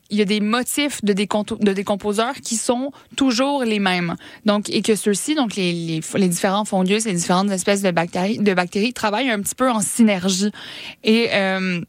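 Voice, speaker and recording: A woman's voice: medium pitch, normal speed, no echo. Woman, Québécois accent, casual science explainer, hesitant fillers, dry close sound. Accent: Québécois French. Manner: explanatory, frequent "euh" hesitations. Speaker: science podcast host.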